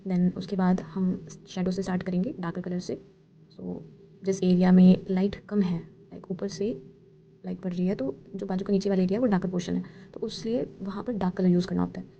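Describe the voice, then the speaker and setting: Woman explaining painting steps, low and gravelly, flat tone, talks quick, a bit dull with light hiss. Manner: explains steps calmly, mixing Hindi and English. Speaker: art tutorial host. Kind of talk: painting tutorial voice-over. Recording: slightly dull, faint hiss.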